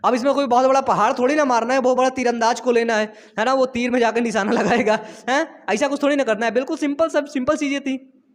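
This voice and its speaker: Young guy teaching bio from his home studio, high-ish voice, chatty, keeps repeating stuff. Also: fairly even intonation, fast talker. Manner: chatty, teasing students, repeats phrases. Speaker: biology teacher. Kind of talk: casual online lesson.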